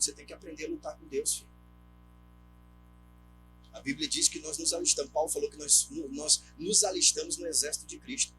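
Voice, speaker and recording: A man's voice: a little high, poor audio. A male pastor with a Brazilian accent preaching a sermon, telling a story and asking the congregation rhetorical questions. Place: church. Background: soft guitar music.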